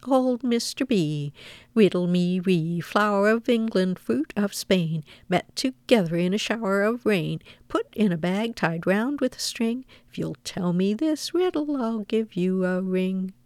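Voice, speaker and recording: A woman's voice: on the high side, animated, normal speed, few pauses, a little mellow, no room sound, pitched above the performer's own voice. A woman voicing a cheeky, impudent young male squirrel who chants taunting riddles in a storybook reading. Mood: taunting, singsong. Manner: singsong, taunting rhyme.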